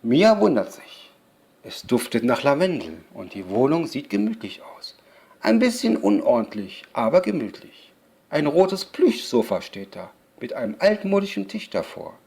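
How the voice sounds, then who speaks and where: A man's voice: mid-range voice, creaky, a little mellow, breathy edge. A man reading a children's story aloud, unpolished, restarting lines and laughing at his slips.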